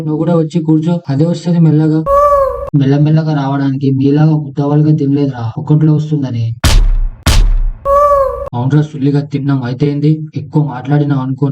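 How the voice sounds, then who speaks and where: A man's voice: mid-range voice, dull audio, noisy background. A man voicing crude, rowdy banter between friends in a comic cartoon. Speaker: cartoon comedy voice artist.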